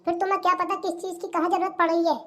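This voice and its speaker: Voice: very high voice, level tone, racing, pushed and bright. A voice actor playing a young daughter-in-law who talks in a coaxing, insistent way in a comedy cartoon, with a rural Hindi accent. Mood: accusing. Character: sly, sweet-talking young daughter-in-law.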